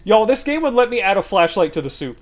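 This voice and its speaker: Brief: excitable co-op game streamer, mid-pitched, playful, prone to sudden yelling. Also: fast. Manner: excitable, playful, bursts into shouting. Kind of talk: casual gaming chat.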